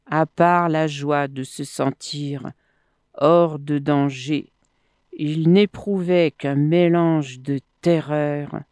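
Slow-reading woman telling a fable. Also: deep voice, smooth, no room sound, studio quality. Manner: measured, expressive reading. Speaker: storyteller. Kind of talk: storybook narration read aloud.

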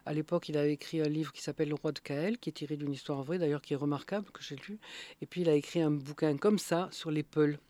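A man's voice: fairly high pitch, fairly even intonation, fast, dark tone, no echo. A man interviewing in casual French conversation, hesitant, with many fillers and restarts.

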